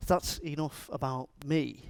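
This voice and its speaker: This agile coach from Liverpool, England, speaks with a Scouse accent in a slightly high, gravelly, darkish voice at a measured pace. He's middle-aged and addresses a conference audience live, joking and asking questions, in a clean recording without echo.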